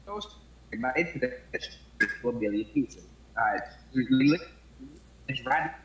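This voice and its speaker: A man's voice: mid-range voice, lively intonation, slow pace, muffled recording. A man talking over a video call whose audio glitches and breaks up into choppy, warbling fragments. His words stutter and repeat as the connection cuts out. The sound is echoey, with a faint hiss of noise underneath. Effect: glitching, choppy internet call audio.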